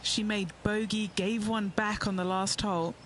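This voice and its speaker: A man's voice: sits high, steady tone, moderate pace, a bit bright, slight background noise. A man giving plain, matter-of-fact on-course golf updates. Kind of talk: scripted video game golf commentary.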